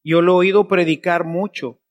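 Male priest, sermon, rhetorical questions, slightly high voice. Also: steady tone, moderate pace, lo-fi sound.

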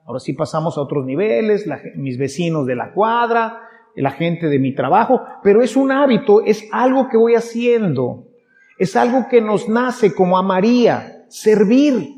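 A man's voice: sits high, sing-song, moderate pace, darkish tone. A man with a Mexican accent preaching a sermon in a casual, conversational way, acting out little everyday scenes. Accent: Mexican Spanish. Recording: dull sound with long hall reverb.

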